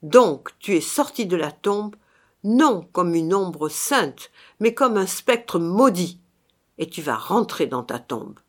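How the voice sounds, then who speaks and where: A woman voicing a vengeful male ghost warrior in an audiobook, declaiming loudly through clenched teeth. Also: fairly low pitch, very animated, takes it slowly, full character voice. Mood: defiant. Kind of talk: audiobook reading.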